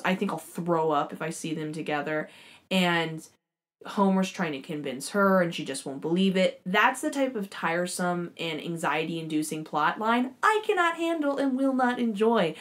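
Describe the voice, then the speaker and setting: A young woman hosting a show, giving an enthusiastic, rambling recap and commentary on a series, swearing casually as she goes. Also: lowish voice. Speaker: show host reviewing a series.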